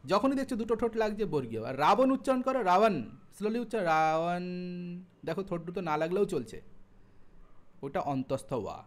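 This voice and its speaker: High-voiced chatty Bengali tutor. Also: male voice, sing-song. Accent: West Bengal Bengali. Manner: chatty teacher, asides and everyday examples, drawn-out spelling of sounds. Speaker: Sanskrit exam tutor. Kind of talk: online exam-prep lesson.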